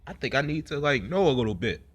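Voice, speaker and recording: A man's voice: medium pitch, very animated, fast talker. A man giving an informal sermon in a rambling way, with many fillers and frequent rhetorical "right?" questions. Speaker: preacher.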